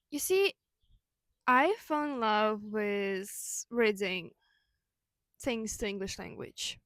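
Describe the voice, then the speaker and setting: A young woman vlogger, Ukrainian by first language, delivers a reflective personal monologue in a chatty style full of fillers and self-corrections. Her voice is a little high, and there's no echo.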